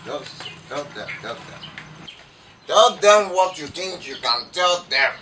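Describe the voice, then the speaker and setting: Bragging nigerian wannabe king, lively up and down voice, far off mic, noisy outdoors. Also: fairly high pitch, slow pace, full character voice. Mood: boastful. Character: boastful young man scheming to be king. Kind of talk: film acting. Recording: distant mic, loud outdoor ambience.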